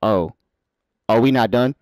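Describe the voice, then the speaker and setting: A young man commentating a horror game as he plays, joking around and yelling in mock panic. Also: medium pitch, a little slow, poor audio. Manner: loud, jokey, yelling in panic. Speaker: gaming YouTuber.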